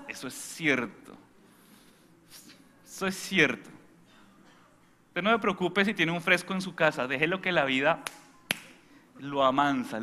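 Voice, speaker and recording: A man giving a homily as a priest at Mass, telling stories and shouting out imitations of his family, often checking in with the congregation. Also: on the high side. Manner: asks the congregation for agreement. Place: church during Mass. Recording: church with long reverb.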